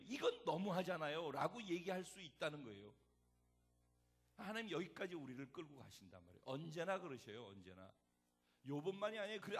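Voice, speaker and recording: A man preaching a sermon as pastor, dramatic and animated, acting out the voices in the story. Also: high voice.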